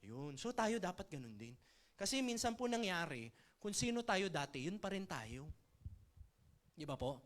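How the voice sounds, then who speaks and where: Animated, high-voiced male trainer. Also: normal speed, pauses often. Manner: playful, animated, addresses audience. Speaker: motivational trainer. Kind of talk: seminar talk with a comic story. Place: training event before an audience.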